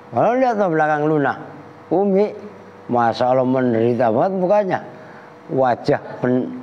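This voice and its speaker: A man's voice: a little high, a little hiss or hum. A man teaching an Islamic kitab class, joking and teasing his students by name. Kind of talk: Islamic lesson. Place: pesantren hall. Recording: lo-fi roomy hall recording.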